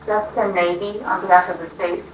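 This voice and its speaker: A woman's voice: medium pitch, flat delivery, fairly quick. A woman speaking as a prosecutor, delivering a formal legal argument from a prepared statement. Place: courtroom. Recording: echoey courtroom, distant mic, faint noise.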